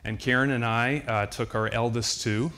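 A man, preaching a sermon as a pastor and telling a personal story in an earnest, heartfelt way with slow, emphatic repetitions. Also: medium pitch, steady tone, pushed and bright, slight background noise. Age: 60s.

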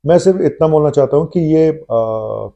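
Measured middle-aged male doctor, dull audio. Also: on the high side, animated, creaky, mellow. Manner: measured, thinking aloud with frequent "uh" pauses. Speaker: doctor hosting his own health channel. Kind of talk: talking to camera, explaining a case. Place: indoor clinic room. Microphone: lapel mic, seated facing the camera.

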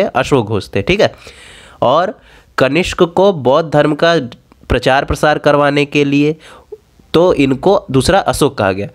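A man teaching an exam-prep lesson in a casual way, repeating key points and asking the viewer quiz questions. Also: mid-range voice.

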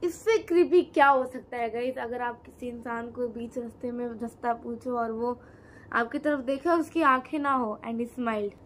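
A woman's voice: on the high side, normal speed, slight background noise. Chatty teen girl narrating horror. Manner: chatty, addresses viewers as guys, dry asides. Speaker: co-host storyteller. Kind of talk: casual horror storytelling. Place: indoor room, on a sofa.

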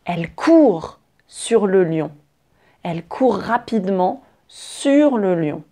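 Very slow, clear woman storyteller. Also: mid-range voice, lively intonation, dark tone. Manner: very slow, clear, repetitive phrasing. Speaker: French teacher.

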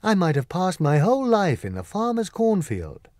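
A man puts on a naive straw scarecrow from a children's storybook. The voice sits higher than his narration, eager and full of wonder, with big pitch swings. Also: wildly swooping pitch, normal speed, a little mellow, no room sound, studio quality. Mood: proud, wondering. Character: naive, earnest male scarecrow stuffed with straw.

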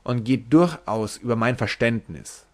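A man's voice: mid-range voice, unhurried, close to an everyday voice. A man voicing a short, drunken sailor who is brash, giggly and rambling.

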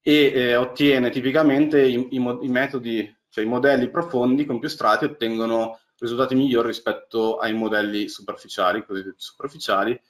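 Speaking in a mid-range voice with fairly even intonation, a man delivers a brisk technical lecture on deep learning with few pauses. He talks through slides over a webcam on a video call from a small indoor room, using many fillers and restarts.

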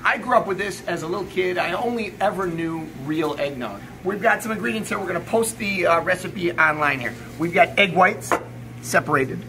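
A middle-aged chef with a high voice presents a recipe video at a moderate pace, chatty and emphatic, frequently checking in with the viewer. He's in an indoor commercial kitchen or sandwich shop, with working-kitchen noise clearly audible.

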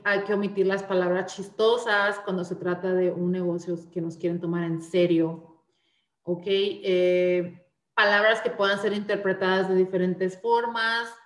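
A woman's voice: mid-range voice, echoey room. A woman instructor giving an online class presentation with slides, explaining step by step with frequent "eh" fillers and restarts.

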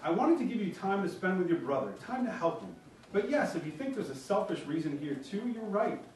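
A man's voice: sits high, sing-song, brisk, dark tone, slight background noise, voice pushed up. A man reading the lines of a frustrated wife in a whispery, strained voice. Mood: pleading. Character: frustrated wife pleading with her husband. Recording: very echoey room, mic far off.

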